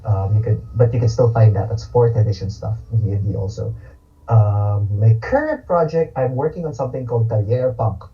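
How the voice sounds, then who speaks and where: A man from Manila, a game designer, introducing himself in a relaxed, wry way. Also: fairly low pitch, normal speed. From Manila, Philippines. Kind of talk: casual panel self-introduction. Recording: distant, dull lo-fi call audio.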